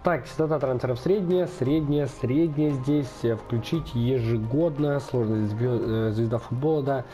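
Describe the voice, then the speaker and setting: Playing a football management game for his gaming channel, this young man talks casually at a normal speed with hardly any pauses, thinking out loud and using plenty of fillers. His warm, mid-range voice is slightly affected by illness, and faint music plays behind him.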